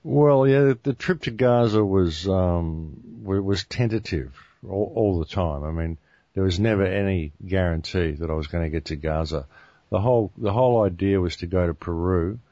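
An Australian man, a guest on a talk show, telling a long travel story in a relaxed, rambling way with frequent restarts. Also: sits low, normal speed, no room sound, lo-fi sound. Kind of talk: casual interview talk.

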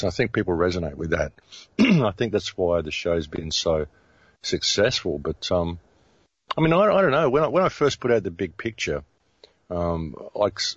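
A man's voice: sits low, husky, dry recording, highs cut off. A middle-aged Australian man, a radio host, telling his story in a casual interview with many restarts and fillers.

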